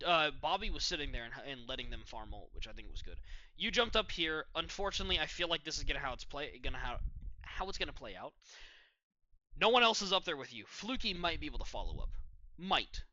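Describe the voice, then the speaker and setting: A man's voice: fairly high pitch, sing-song, quick pace, bright, forceful tone, no room sound, dull audio. A young man with the hiccups, coaching a team through a match replay and calling out plays. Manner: instructive, analytical, calls out plays as they happen. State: has the hiccups. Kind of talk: live game review commentary.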